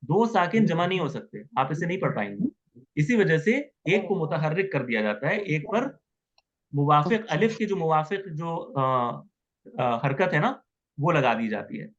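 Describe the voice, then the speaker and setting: A man's voice: a little high, sing-song, moderate pace, lo-fi sound. A man teaching Arabic grammar in an online class, patiently repeating words and asking students questions.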